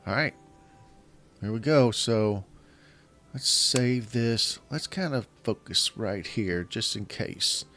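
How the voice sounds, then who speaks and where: A gaming channel host with a lowish, somewhat bright voice casually narrates his strategy game play. He's slightly scratchy from illness and yelling, and he muses aloud in halting fashion, repeatedly breaking off and restarting sentences. Faint game music is audible.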